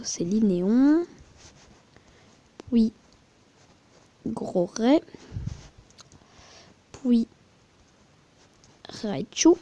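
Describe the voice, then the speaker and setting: A woman's voice: fairly high pitch, warm tone, highs cut off. A woman giving crude, rambling, chatty commentary while showing her mobile game, with muttered asides. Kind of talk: casual screen-recording commentary.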